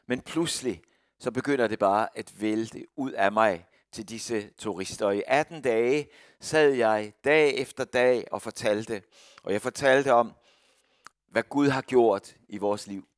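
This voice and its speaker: A middle-aged man speaks as a missionary sharing his testimony. He tells it like a lively storyteller, with a voice of middle pitch. The recording is dry and close, with almost no room sound. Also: no room sound. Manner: lively storyteller who acts out quoted voices.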